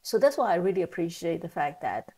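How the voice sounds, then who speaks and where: A middle-aged woman giving casual reaction commentary, speaking in a halting, reflective way and often rephrasing herself. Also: lowish voice, very animated, warm tone, slightly rough. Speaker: reaction video host.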